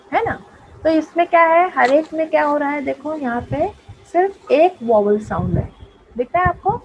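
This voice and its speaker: A woman teaching an English class, explaining slowly and often checking that her pupils follow. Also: sits high, dull audio, noisy background. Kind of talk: online class lesson in Hindi and English.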